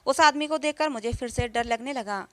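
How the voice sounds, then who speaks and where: High-voiced woman narrating a story. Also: moderate pace, no room sound. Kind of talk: scripted first-person story narration.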